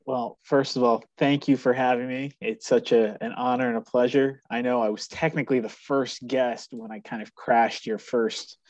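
A man's voice: medium pitch, steady tone, normal speed, few pauses, darkish tone, dry recording, muffled recording. An American man guesting on a casual sports podcast, talking in a self-deprecating, stop-start way. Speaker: team staff member, podcast guest.

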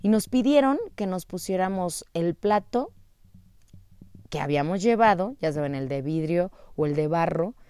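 A woman telling a personal story in an expressive, animated way. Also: on the low side, normal speed, clear, resonant tone, no room sound.

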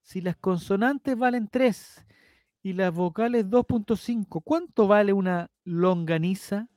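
A Chilean man with a fairly high voice hosts a casual trivia segment with playful, theatrical flair. The sound is close and dry. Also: measured pace, a little mellow, dry recording. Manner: playful, theatrical quiz-master delivery. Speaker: trivia host. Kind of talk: casual podcast trivia hosting.

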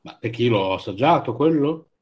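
Male live-show participant, medium pitch, casual conversational delivery. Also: expressive, brisk, darkish tone, slight background noise. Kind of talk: casual chat.

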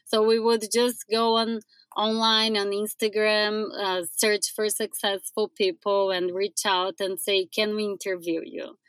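A woman from Brazil, a podcast guest telling her story in a relaxed, unhurried way. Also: mid-range voice, dry recording. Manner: unhurried, laughs between thoughts. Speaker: guest, staging company co-founder. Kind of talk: casual podcast chat.

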